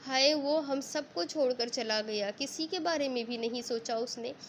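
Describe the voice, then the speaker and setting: A distraught young woman in an audio storybook, her voice pitched high and strained as she sobs and pleads in a breathless rush, as a female narrator puts her on. The recording carries a faint hiss underneath. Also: normal speed. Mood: grief-stricken. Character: young woman grieving wildly, delirious.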